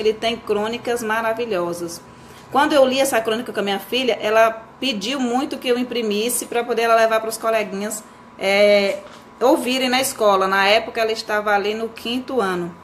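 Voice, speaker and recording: Chatty woman teacher, slightly high voice. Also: slight background noise. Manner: chatty, many fillers and self-corrections. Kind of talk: casual talk on a live stream for teachers.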